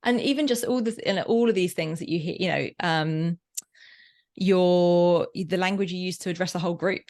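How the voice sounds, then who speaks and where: A woman who works as a workplace learning facilitator is a guest on a podcast interview. Her fairly low, darkish voice moves at normal speed, and her casual, discursive talk often rephrases mid-sentence.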